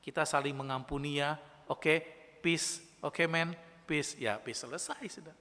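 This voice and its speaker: A man's voice: on the high side, measured pace, bright, forceful tone, long reverb tail. A man preaching a playful youth sermon who keeps asking the audience questions. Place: church, live-streamed service.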